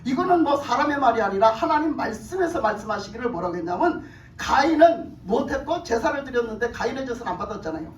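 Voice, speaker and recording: A woman pastor preaching a sermon, emphatic and animated, putting questions to the congregation and often laughing. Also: on the high side, fast talker, a little hiss or hum. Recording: echoey hall from far off.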